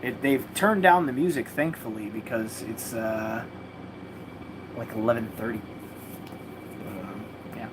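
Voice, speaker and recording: A woman's voice: extremely low pitch, a little slow, pauses often. A woman chatting casually on a livestream while opening trading card packs, rambling, slangy and swearing freely, from a home room with a mattress propped against the wall. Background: faint noise of a party next door.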